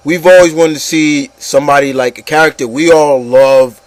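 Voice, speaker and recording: A man with a higher-pitched voice rants with his co-host on a casual opinion show, blunt and exasperated, swearing and stammering through repeated words and phrases. His tone stays steady at a moderate pace, while crowd noise and poor audio mar the recording.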